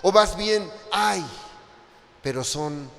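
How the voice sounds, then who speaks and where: A man with a Mexican Spanish accent preaching a Sunday sermon, impassioned and rising to loud cries. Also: high voice, expressive, extremely slow, gravelly. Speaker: pastor. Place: church hall. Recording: long hall reverb.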